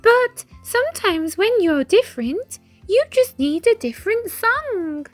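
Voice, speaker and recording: A woman voicing a small, kindly, wise cricket in a storybook, gently lilting and encouraging. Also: very high-pitched, very animated, a little slow, dry recording, soft background music, voice pushed up, heavily acted. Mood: gentle, encouraging.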